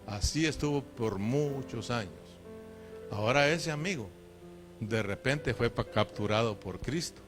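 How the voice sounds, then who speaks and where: A man's voice: medium pitch, unhurried, music in the background. A man preaching a sermon as pastor. He is emphatic, keeps calling his listeners brother, and asks them rhetorical questions. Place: church.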